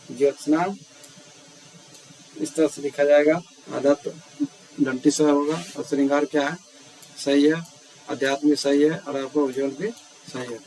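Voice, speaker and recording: A man's voice: fairly high pitch, a little mellow, low-quality recording. Hindi man reading quiz answers over hiss. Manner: goes through answer options one by one, repeating each word. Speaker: teacher. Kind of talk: spelling quiz walkthrough. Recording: faint hiss.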